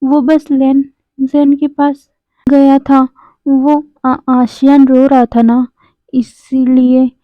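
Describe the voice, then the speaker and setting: A woman voicing a gentle young husband who pleads and stumbles over his words in a storybook retelling. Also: high-pitched, flat delivery, slow pace, dry recording. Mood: pleading. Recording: dry, phone-like narrow sound.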